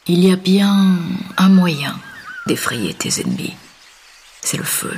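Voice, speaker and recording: A man voicing a wise, protective panther who counsels softly, often half-whispered. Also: high voice, very animated, slow, slight background noise, full character voice. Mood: gentle.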